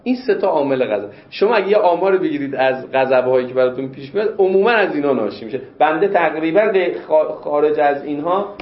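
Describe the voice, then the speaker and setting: A man's voice: a little high, lively intonation, hardly any pauses. A man teaching religious law in a classroom lecture. He explains texts and pushes his voice up sharply to stress his questions. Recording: roomy, dull lo-fi lecture recording.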